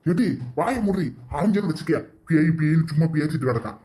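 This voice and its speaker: A performer voicing a gruff, scolding village father in a cartoon comedy, speaking with a Kanyakumari Tamil accent. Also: mid-range voice, animated, brisk, dark tone, voice pushed down, natural voice.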